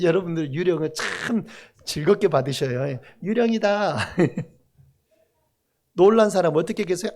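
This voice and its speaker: A man's voice: high voice, creaky. A man pastor preaching a Sunday sermon, leading the congregation in call-and-response. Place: church sanctuary.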